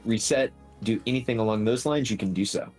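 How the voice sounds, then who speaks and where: Low-voiced male game master over faint music. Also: a little fast, a little mellow. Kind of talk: casual tabletop game narration.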